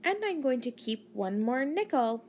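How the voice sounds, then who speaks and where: A woman teacher narrating a maths lesson for children, deliberately teaching a child to count and putting questions to the listener. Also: high-pitched, big pitch swings, a little mellow, slight background noise. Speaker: primary school maths teacher.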